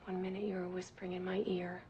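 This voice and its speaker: A woman's voice: lowish voice, completely flat delivery, fast talker, highs cut off, a little hiss or hum, natural voice. An actress playing a hurt woman confronting a former lover, pressing hard and often slipping into a whisper. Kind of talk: TV crime drama acting.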